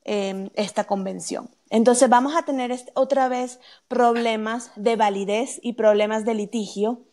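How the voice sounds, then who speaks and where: Her intonation fairly even and her tone a little mellow, a woman with a slightly higher-pitched voice explains legal questions about wills in a methodical way. It feels like a live question-and-answer chat, and she regularly checks understanding with a quick "ok?".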